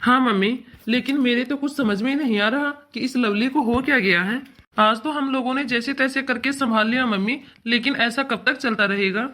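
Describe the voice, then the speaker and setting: A woman's voice: fairly high pitch, normal speed, fairly bright tone, natural voice. A woman voicing a caring young man in a cartoon, who talks in an earnest, coaxing way. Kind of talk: cartoon dubbing.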